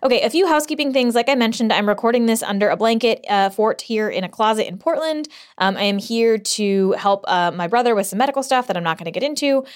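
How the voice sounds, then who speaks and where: A woman's voice: on the high side, expressive, fast, few pauses. Woman recording under a blanket fort. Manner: chatty and rambling, with fillers. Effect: muffled, dead sound from recording under blankets. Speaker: podcast host. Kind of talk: casual podcast chat.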